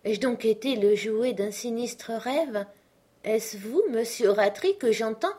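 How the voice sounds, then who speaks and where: A delirious young woman on her deathbed, as a woman reader plays her. She speaks in bewildered, wandering questions, her voice pitched higher than the narration. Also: takes it slowly, mellow, breathy edge. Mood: dazed. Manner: dazed, questioning.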